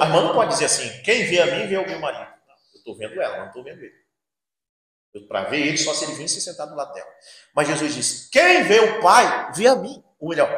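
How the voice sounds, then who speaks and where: A man preaching a sermon in a church, swinging between loud outbursts and hushed asides and acting out the voices he quotes. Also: on the high side. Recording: very echoey church hall.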